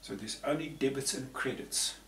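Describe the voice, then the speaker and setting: A man's slightly bright, mid-range voice moves at normal speed as he explains things in a loose, rambling, conversational style, often repeating words. He is a Zambian panel guest in his sixties, seated before a patterned tapestry. The audio is roomy and distant, with a faint hiss.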